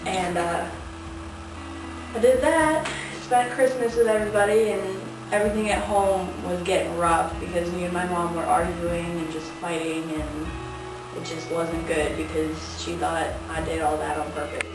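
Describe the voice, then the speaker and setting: 18 yr old girl rambling thru a personal story, flat-ish low voice, far from the mic. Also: moderate pace. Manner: casual, rambling, many fillers. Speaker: vlogger. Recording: very echoey room, distant mic, music behind.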